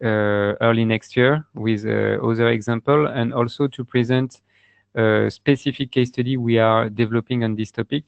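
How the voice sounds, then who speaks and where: Man presenting online: halting delivery, monotone, dry and muffled audio. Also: mid-range voice, vocal fry, clean tone, dry recording. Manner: halting, filler-heavy. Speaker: webinar presenter. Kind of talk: formal webinar presentation. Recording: dry, dull lo-fi webinar audio.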